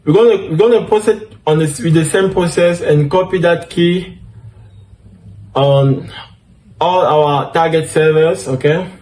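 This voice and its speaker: A DevOps instructor whose first language is French speaks with a French accent, his voice on the high side, measured and a bit mellow, in a rough recording. During a screen-share tutorial, he works through each step, using many fillers and frequently correcting himself.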